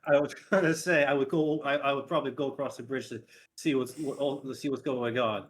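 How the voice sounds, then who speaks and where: A man chatting casually as a tabletop player, questioning and halting as he thinks aloud. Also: mid-range voice, fairly even intonation, slight background noise. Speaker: player in a tabletop role-playing game. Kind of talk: casual chat.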